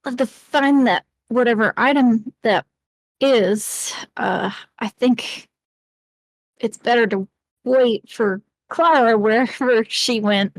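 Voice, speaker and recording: Female player, fairly high voice, relaxed, laughs through her lines, dry sound. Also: takes it slowly, no echo, poor audio. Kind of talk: casual tabletop game chat.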